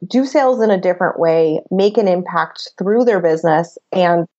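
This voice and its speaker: A woman's voice: lowish voice, normal speed, warm tone, lo-fi sound. A woman in her thirties from Venezuela, a business coach, talking as a guest in a casual, chatty way and often laughing. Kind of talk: casual interview chat.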